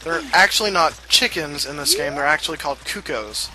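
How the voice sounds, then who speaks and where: A man's voice: on the high side, brisk, bright, forceful tone, slight background noise, poor audio. A man from the Southern US giving casual walkthrough commentary on a video game, full of fillers and asides. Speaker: let's play host. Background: game music.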